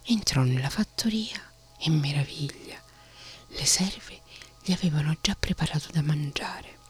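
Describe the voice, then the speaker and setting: A storyteller reading a fairy tale as a soft, steady, whispered bedtime story. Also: medium pitch, a little slow, breathy edge, soft background music.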